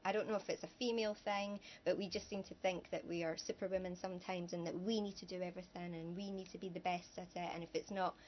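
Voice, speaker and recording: Woman on a chat show, lowish voice, dull lo-fi sound with a bit of hiss. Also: steady tone, fast talker, few pauses. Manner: chatty, hesitant with fillers. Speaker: guest businesswoman. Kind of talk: casual interview chat.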